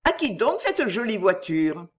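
A giddy, vain young woman gasps out excited exclamations, as a reader puts her on. Her voice sits well above the narration, lively and slightly husky. It is an audiobook reading of a classic novel. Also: medium pitch, measured pace.

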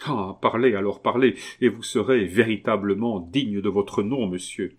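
A man reading a novel aloud, voicing an anxious general who speaks urgently and often quietly. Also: fairly low pitch, normal speed, husky. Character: anxious aging general, eager and hushed. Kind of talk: audiobook reading.

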